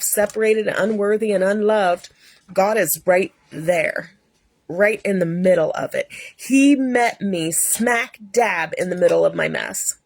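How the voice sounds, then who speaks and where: A woman's voice: mid-range voice, no room sound. A woman in her fifties sharing a personal faith testimony in an earnest, emotional storytelling way. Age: 50s. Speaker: host.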